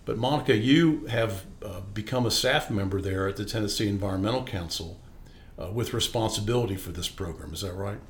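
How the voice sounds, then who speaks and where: A man's voice: fairly low pitch, a little fast, a little hiss or hum. A man hosting a podcast, reading an introduction and then asking questions with many hesitations and restarts. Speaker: podcast host.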